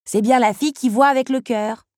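A woman reading an audiobook and voicing a talking giant beetle, a male creature who is wise, gruff and scolds loudly. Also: a little high, fairly even intonation, fairly quick, no room sound, clean studio sound, voice pushed up, lightly acted. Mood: brisk.

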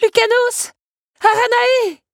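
A woman's voice: extremely high pitch, flat delivery, slow pace, creaky, no room sound, clean studio sound, voice pushed up, heavily acted. A woman voicing a desperate young heroine in a storybook reading, calling out shrilly for help.

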